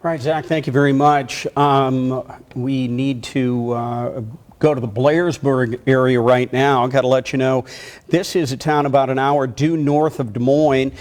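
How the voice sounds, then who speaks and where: A man anchoring live breaking news, describing incoming pictures in a halting, unscripted way. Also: medium pitch, fairly even intonation, darkish tone. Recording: faint background noise.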